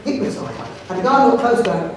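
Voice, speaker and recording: Male headteacher with a London accent, animated anecdotal speaker; distant mic in a reverberant hall. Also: extremely high pitch, brisk, background noise. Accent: London English. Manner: jokey storyteller, animated, self-mocking. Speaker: headteacher giving a talk. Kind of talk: anecdotal presentation to an audience. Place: large hall with audience.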